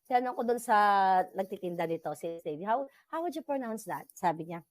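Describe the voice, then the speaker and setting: A woman's voice: medium pitch, lively intonation, fairly quick, a little mellow. A woman with a Filipino accent chats casually with her viewers, switching between Tagalog and English and laughing easily. Her voice sits in a middle register. The sound is close and dry, with no room echo. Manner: chatty, mixes Tagalog and English, laughs often. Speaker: livestream host.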